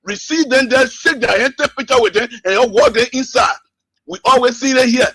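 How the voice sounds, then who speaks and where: A man's voice: very high voice, a little fast, pushed and bright, husky. A man from Liberia calling in to a radio talk show, arguing with rhetorical questions over a phone line. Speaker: caller. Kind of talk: call-in radio political commentary.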